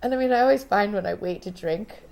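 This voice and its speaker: This young woman is a singer-songwriter from Rhode Island in the United States. She tells stories in a chatty, laughing, relaxed way during a casual living-room interview, speaking quickly in a mid-range voice with vocal fry.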